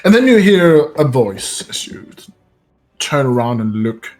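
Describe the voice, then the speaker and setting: A man narrating a tabletop game as game master, halting and full of fillers. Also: mid-range voice, very animated, darkish tone, faint music behind. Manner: halting, with many fillers and restarts.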